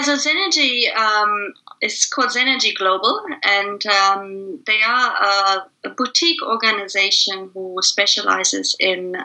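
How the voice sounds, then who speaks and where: A middle-aged woman from Germany speaks as an interview guest in her own second language, German being her first. Her voice is very bright and clear-toned. She talks thoughtfully, pausing on fillers and restarting phrases as she goes. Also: mid-range voice, rough recording. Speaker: guest, facilitation trainer. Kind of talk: casual interview conversation.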